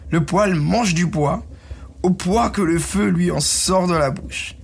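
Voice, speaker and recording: A man's voice: sits high, slow, creaky, breathy edge, pitched above the performer's own voice, heavily acted. A man voicing an old chained guard dog who lectures and reminisces in a know-it-all manner in a storybook tale. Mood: explaining.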